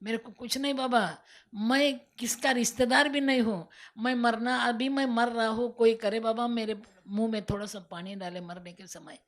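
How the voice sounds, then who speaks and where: A woman's voice: fairly high pitch, fairly even intonation, moderate pace, close to an everyday voice. A woman with a Marathi accent voicing a sick, dying old male beggar who pleads weakly for water. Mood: pleading. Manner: weak and pleading.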